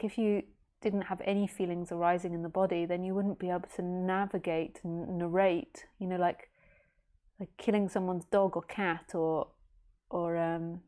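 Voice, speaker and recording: A woman's voice: fairly low pitch, mellow. A woman in her late thirties, a spiritual teacher giving a casual philosophical talk in a rambling, easygoing way with jokey asides. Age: late 30s.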